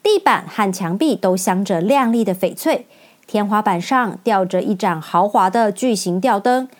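An expressive woman storyteller reads a children's story aloud. Her voice sits a little high and moves with lively emphasis.

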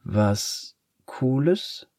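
A man voicing a shy, strange new schoolboy who speaks very quietly, slowly and softly. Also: on the low side, husky, dry recording, clean studio sound, voice pushed up, exaggerated voice. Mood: timid. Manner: very quiet, slow and soft.

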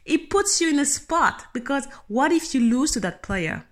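A woman's voice: high-pitched, normal speed. Earnest woman giving a motivational talk. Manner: earnest, animated, speaks directly to the listener. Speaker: tennis coach.

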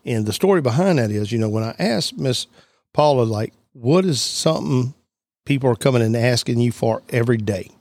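Man, podcast host, folksy and rambling, mid-pitched voice, dry close sound. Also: lively intonation, brisk, darkish tone, no echo. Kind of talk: casual podcast talk.

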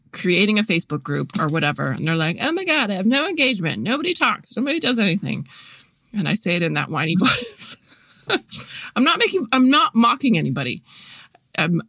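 A woman's voice: mid-range voice, fairly bright tone, dry recording, studio quality. A woman hosting a podcast interview, chatting casually with plenty of fillers, restarts and agreeable asides. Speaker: podcast host.

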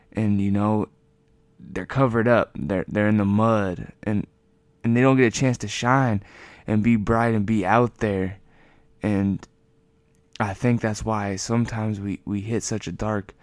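A man hosting a personal podcast while lying on the floor, talking casually and reflectively, haltingly repeating words as he searches for the next one. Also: lowish voice, no echo. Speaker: podcast host. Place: lying on the floor of a room at home.

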